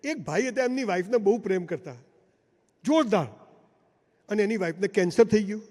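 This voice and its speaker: A motivational speaker delivers a live seminar speech in a big hall, telling stories with emphasis and speaking straight to the audience. His voice is high, brisk and somewhat dark in tone, and the recording carries a long hall reverb.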